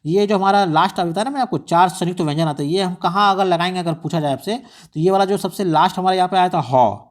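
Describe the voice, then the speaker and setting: A man explaining exam material at a brisk, rapid clip. His voice sits a little higher than most men's. He keeps throwing in rhetorical questions and English terms. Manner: repetitive rhetorical questions, mixes English words. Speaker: exam tutor.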